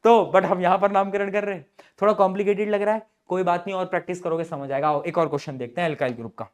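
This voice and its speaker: A man's voice: sits high, steady tone, quick pace, clear, resonant tone. A young adult man teaching chemistry in a playful, chatty way, joking with his students. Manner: playful, chatty, calls students beta and bhai. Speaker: chemistry tutor. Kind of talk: chalkboard-style lesson explanation.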